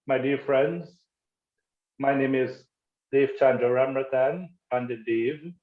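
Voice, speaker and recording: Guyanese pandit guy, humble n formal, slow talker, echoey tinny call audio. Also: mid-range voice, steady tone. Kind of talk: formal interview answers.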